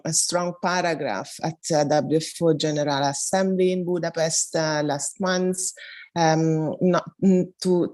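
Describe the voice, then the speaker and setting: A woman's voice: low-pitched, darkish tone. A woman moderating an online panel, speaking hesitantly with many fillers.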